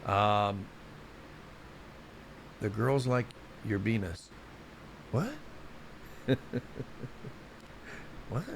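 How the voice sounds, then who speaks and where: Gravelly-voiced man rambling through news. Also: fairly low pitch, extremely slow, long pauses, slight background noise. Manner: rambling, chatty, stumbles over place names. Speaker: show host. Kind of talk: casual solo volcano news report.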